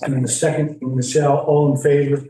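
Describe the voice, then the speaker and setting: A man's voice: mid-range voice, little pitch movement, moderate pace, mellow, a little hiss or hum. Man, council chair, informal, echoey distant hall mic.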